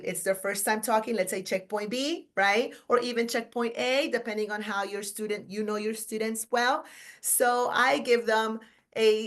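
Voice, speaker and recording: A woman's voice: mid-range voice, a bit bright. A middle-aged woman teacher giving a conference workshop talk, chatty and informal, checking in with "right?" and correcting herself mid-sentence. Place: conference room.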